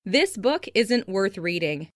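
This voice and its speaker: A woman reading simple English phrases slowly and carefully for learners, saying each one twice. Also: mid-range voice, big pitch swings, no room sound, studio quality. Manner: careful, clearly enunciated, each sentence said twice.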